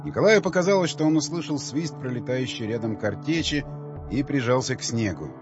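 A man narrating an audiobook with lively storytelling. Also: medium pitch, fairly quick, music in the background. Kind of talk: scripted narration. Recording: dull lo-fi dry recording.

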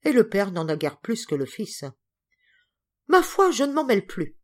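A woman voicing an excitable, indignant middle-aged spinster cousin in an audiobook, with exclamatory, melodramatic speech. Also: mid-range voice, moderate pace. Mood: grumbling.

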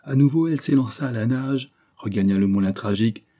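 A man narrating a classic adventure novel aloud in a measured, dramatic reading. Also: medium pitch, mellow. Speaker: audiobook narrator. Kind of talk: scripted narration.

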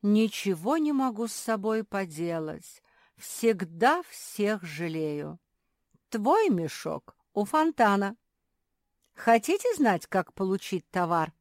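A woman's voice: mid-range voice, sing-song, slow, no room sound, clean studio sound, voice pushed up. A woman voicing a sly old male shopkeeper with ingratiating, sing-song sales patter, in an audiobook. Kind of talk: audiobook character voice.

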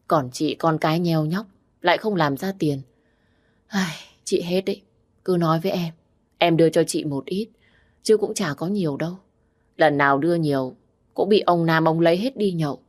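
A woman voicing a fierce, sharp-tongued young village woman who scolds bluntly. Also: lowish voice, moderate pace, lightly acted. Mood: firm caring.

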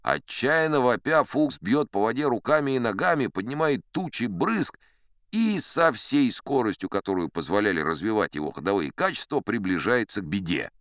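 An actor playing a pompous old sea captain, telling tall tales in a theatrical audiobook style with chatty asides. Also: male voice, fairly low pitch, very animated, moderate pace, a bit bright, no room sound, clean studio sound. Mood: dramatic, suspenseful. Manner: pompous, conversational asides to a young listener. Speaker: audiobook performer narrating as a character. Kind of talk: theatrical first-person storytelling from an adventure audiobook.

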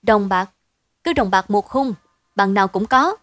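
A woman doing a gruff peasant husband. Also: mid-range voice, lively intonation, measured pace, fairly bright tone, no echo. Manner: blunt, scolding.

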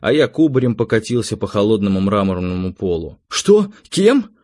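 A man narrating an audiobook in an expressive, measured storytelling voice. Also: fairly low pitch, dry recording, clean studio sound.

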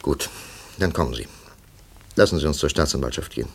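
An actor playing a stern male investigator in a 1950s radio drama, firm and measured as he questions a witness. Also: very deep voice, gravelly, husky, full character voice.

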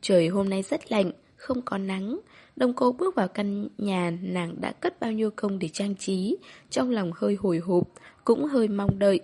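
Mellow woman narrating a romance. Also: mid-range voice, slightly rough. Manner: calm, measured storytelling. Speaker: audiobook narrator. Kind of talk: scripted narration of a romance novel.

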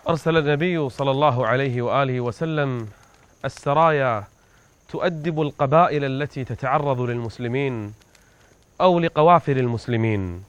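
A man's voice: medium pitch, brisk. A man preaching in a vivid, dramatic storytelling manner as he recounts a religious history.

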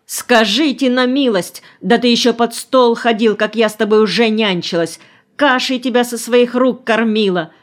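A woman's voice: medium pitch, slow pace, lightly acted. A woman reading an audiobook voices an old peasant nanny, folksy and fussy, lamenting and scolding.

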